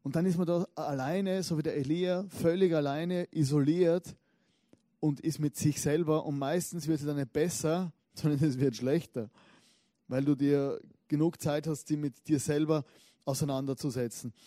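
A married man preaching a relaxed, conversational sermon, telling stories in a lively way with frequent restarts and tag questions. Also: on the high side, normal speed, no echo, clean studio sound. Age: adult, married.

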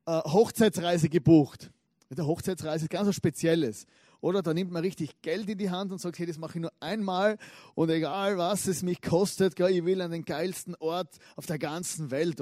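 A married man preaching a relaxed, conversational sermon, telling stories in a lively way with frequent restarts and tag questions. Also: high-pitched, dry recording, studio quality. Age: adult, married.

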